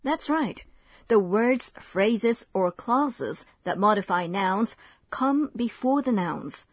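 A woman hosting a language lesson, giving clear, measured scripted explanations. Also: medium pitch, animated, dry recording, studio quality.

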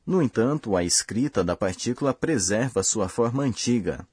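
A man hosting a language course, giving slow, careful, scripted explanations. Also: medium pitch, lively intonation, darkish tone, slightly rough, no room sound, studio quality. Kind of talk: scripted lesson narration.

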